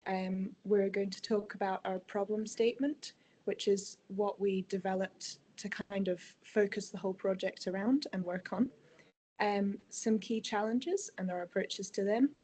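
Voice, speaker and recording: A woman from Scotland, presenting over a video call in a steady, organized way, often starting with um. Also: mid-range voice, unhurried, rough recording. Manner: steady, organized, opens with ums. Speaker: intern presenting a project.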